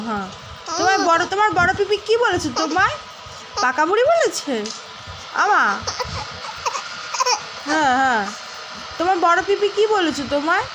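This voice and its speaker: A woman vlogger talking to her baby in coaxing, sing-song baby talk, asking the same questions again and again. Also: extremely high pitch. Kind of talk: baby talk in a home vlog. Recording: loud background noise.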